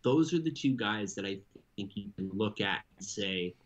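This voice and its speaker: A man's voice: on the low side, lively intonation, normal speed. A man co-hosting a sports podcast, talking in a rambling, casual way and laughing now and then. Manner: rambling, restarts, laughs mid-sentence. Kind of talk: casual chat.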